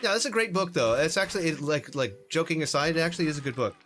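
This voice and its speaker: A man's voice: on the high side, animated, fast, a bit bright, a little hiss or hum. A man streaming an online game, chatting casually and laughing often as he rambles. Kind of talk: casual live gameplay commentary.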